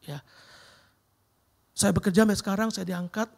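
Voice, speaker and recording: A man, preaching and telling a personal testimony in an animated storytelling manner, with slangy asides to his listeners. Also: high-pitched, normal speed, vocal fry.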